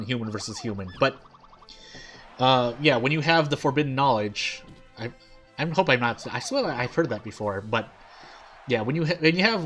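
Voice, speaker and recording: Fairly high-pitched and bright, this man's voice drifts through casual, thinking-aloud commentary as he streams a game. An overbite makes his teeth catch his lip on certain sounds, and game music runs in the background.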